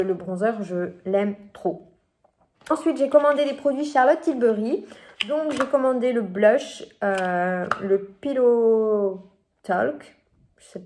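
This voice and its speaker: A young woman from France chats through her latest beauty purchases. She talks in an easygoing vlog style, full of fillers, pauses and restarted sentences, at a middling pitch. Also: darkish tone. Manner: chatty, hesitant, lots of fillers and restarts. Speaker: beauty vlogger. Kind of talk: casual haul vlog.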